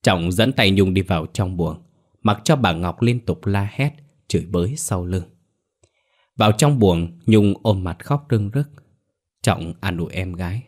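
A man narrating a scripted ghost story in a steady, measured way. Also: low-pitched.

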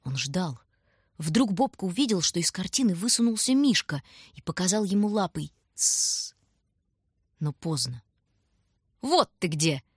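A woman narrating a children's storybook in a calm, even reading voice, close to the mic. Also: fairly low pitch, moderate pace, slightly rough, no echo. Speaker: audiobook narrator.

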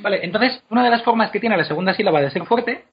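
A man explaining pronunciation in a casual, animated way, drawing words out slowly to demonstrate them. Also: high voice, husky. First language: Spanish. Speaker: guest explaining Elvish pronunciation. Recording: dull lo-fi podcast recording.

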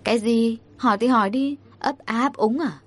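A woman's voice: a little high, moderate pace, lightly acted. A woman voicing a short-tempered middle-aged mother who scolds sharply and impatiently. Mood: scolding.

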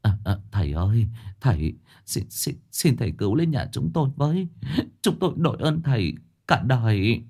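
A man voicing a frightened middle-aged woman in a ghost story, the chief's wife, begging in a high, trembling voice. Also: expressive, moderate pace, hardly any pauses, dark tone, slightly rough. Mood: pleading.

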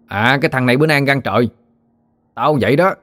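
A man's voice: medium pitch, quick pace, fairly bright tone, pitched above the performer's own voice, close to an everyday voice. A man voicing a burly, boastful boy bully who taunts and swaggers. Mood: taunting.

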